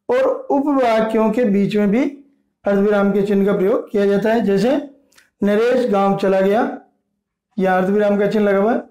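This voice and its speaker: A man with a high, mellow voice explains a grammar lesson. He names each term slowly and deliberately, one at a time. The sound is roomy and echoey. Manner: slow, deliberate listing of terms. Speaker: teacher. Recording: echoey room.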